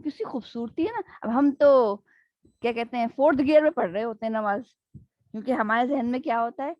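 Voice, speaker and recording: Animated woman teaching an online lesson. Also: a little high, no echo, dull audio. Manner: conversational, keeps checking in with listeners; animated, acts out little everyday scenes. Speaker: Islamic studies teacher. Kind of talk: interactive online religious lesson.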